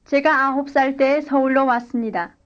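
A woman reading a scripted language-lesson dialogue and drill answers in clear, careful model sentences. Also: sits high, steady tone, moderate pace, dull audio. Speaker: language course speaker.

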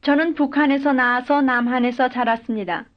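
A woman with a high voice reads complete model sentences for a language drill, delivering each one carefully and evenly at a brisk pace with fairly level intonation. The recording is dull and lo-fi.

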